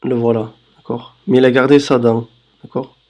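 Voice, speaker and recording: A man teaching Arabic letters in a slow voice-over lesson, patiently checking understanding and drawing out syllables. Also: medium pitch, level tone, a little mellow. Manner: drawls syllables slowly for demonstration. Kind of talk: slow screen-recorded lesson.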